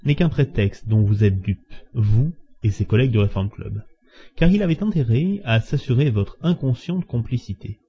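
A man's voice: mid-range voice, animated, moderate pace, natural voice. A man reading aloud and voicing a calculating male police detective who speaks curtly and insists. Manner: curt, insistent. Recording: dull lo-fi recording.

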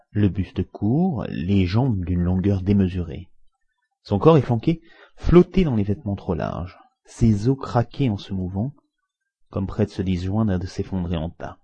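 A man narrating a story aloud in a measured, expressive reading. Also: low voice, husky. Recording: muffled lo-fi recording.

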